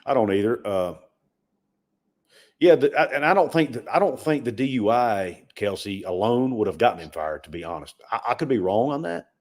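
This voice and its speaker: A man's voice: medium pitch, expressive, moderate pace, darkish tone. A man co-hosting a sports livestream, talking casually and often repeating words as he makes a point. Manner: conversational, repeats words when emphatic. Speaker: sports podcast co-host.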